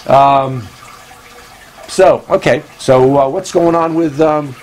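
A man's voice: fairly high pitch, slow, a little mellow, poor audio. A man hosting a comedy show, rambling and meandering as he talks, recorded on a phone at home. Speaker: host. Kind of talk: comedic monologue.

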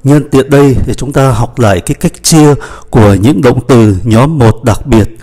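A man teaching a French grammar lesson, patiently spelling out letters and slowly repeating each conjugation. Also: medium pitch, warm tone, slightly rough.

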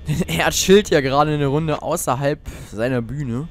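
A teenage boy from Germany narrates his horror game run in a slightly high voice, jumpy and quick to swear. He keeps talking straight to his viewers, and a faint hiss sits under the recording. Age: teens. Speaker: let's player.

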